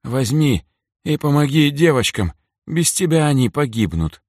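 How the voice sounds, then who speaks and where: A man voicing a dying elf woman who speaks weakly, slowly and softly in an audiobook. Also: a little high, sing-song, no room sound, studio quality, pitched above the performer's own voice. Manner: weak, slow, soft. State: weak, whispering. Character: dying elf woman, weak, tender, calm.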